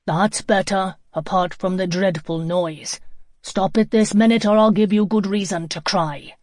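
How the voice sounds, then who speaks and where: A woman's voice: fairly low pitch, steady tone, moderate pace, a little mellow, no echo, clean studio sound, natural voice. A woman reading a stern, angry grown man who scolds a child in a bellowing voice.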